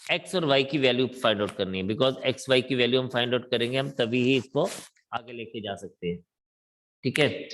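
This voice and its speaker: A man teaching math in a classroom lecture, talking slowly and deliberately in a mix of Hindi and English. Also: mid-range voice.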